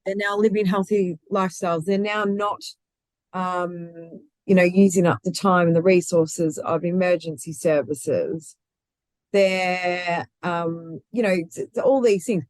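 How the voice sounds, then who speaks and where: A woman with a fairly low, mellowish voice speaks at a measured pace with fairly even intonation, recorded without echo. She's a recruitment founder appearing as a guest in a conversational interview, talking passionately, often restarting sentences and laughing easily.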